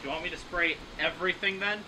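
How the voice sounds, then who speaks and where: A man's voice: high-pitched, fast, recorded from a distance, noisy background. A young man helping a friend with a car, chatting offhand and joking outdoors in a driveway. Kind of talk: casual chat.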